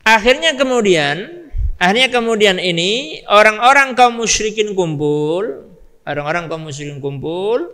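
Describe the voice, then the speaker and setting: An Islamic preacher with a high, expressive voice and a sharp tone delivers a storytelling sermon to a live congregation at a moderate pace. He is emphatic, repeats phrases, and puts questions to his listeners. The recording carries a long hall reverb.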